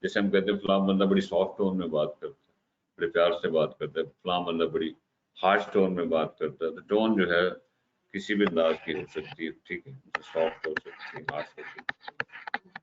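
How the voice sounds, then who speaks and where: In a slightly dull, faintly hissing recording, a low-voiced man teaches a class on communication with slow, careful explanations and a steady tone. He blends English terms into Hindi-Urdu and regularly pauses to ask "ठीक है."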